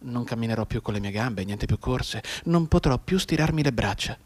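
A male actor with a mid-range voice performs a radio drama monologue as a maimed, despairing young soldier. He broods and halts, shifting between hushed and agitated delivery, expressive but only lightly acted.

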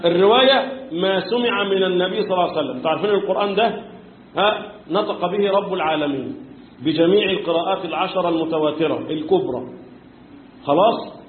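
A man with an Egyptian accent teaching a tajweed lesson, quizzing his students and answering his own questions, chanting verses now and then and often clearing his throat. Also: high-pitched, fast talker, slight background noise. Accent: Egyptian Arabic. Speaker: Quran recitation teacher. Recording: echoey room, tinny phone-like sound.

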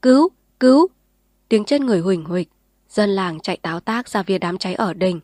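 A woman narrating a novel in a steady, measured reading voice. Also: lowish voice, no room sound, clean studio sound. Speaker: storyteller.

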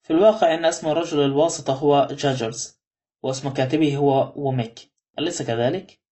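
Guy doing a calm older ex-con in an audiobook, talks quiet and quick. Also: on the high side, natural voice. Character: older male ex-convict, calm and grateful.

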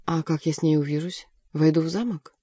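A woman reading the part of a loyal young doctor who talks calmly and matter-of-factly. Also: deep voice, fairly quick, breathy edge, no room sound. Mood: steady.

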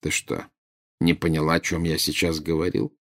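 A man playing a cold, insinuating male double agent in an audiobook, speaking in a measured, condescending way. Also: very deep voice, level tone, fairly bright tone, voice pushed down. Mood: cold, silky.

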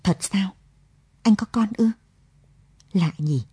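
A woman reading the part of a dazed young father in a radio story, his lines slow and wondering before turning tender. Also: medium pitch, mellow, husky, no echo. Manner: dazed then exultant.

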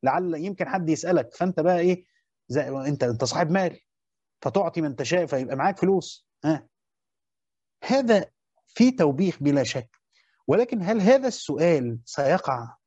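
A man with an Egyptian accent gives a classroom lesson at a quick clip in a slightly raised voice. He repeats his key points and stops often to ask whether his listeners follow. The recording is dull and dry, with no room sound. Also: a little high, animated, dark tone, slightly rough, no room sound. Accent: Egyptian Arabic. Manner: repeats key phrases and checks understanding with questions. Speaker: teacher explaining a Quran commentary.

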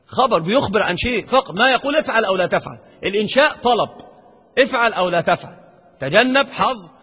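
A man with an Egyptian Arabic accent teaches grammar at a brisk, driving pace, his voice high and edged with husk. He keeps throwing questions at his students and slows down to stress each quoted verse. The sound rings with the long reverb of a lecture hall. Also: animated, pushed and bright, husky. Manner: quizzes the students with rhetorical questions. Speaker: Islamic scholar teaching grammar. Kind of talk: classroom lecture.

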